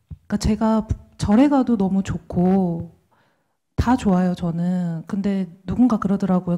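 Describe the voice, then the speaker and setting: A woman's voice: medium pitch, warm tone. A woman in the audience asking a monk a question, hesitant and slipping in small laughs.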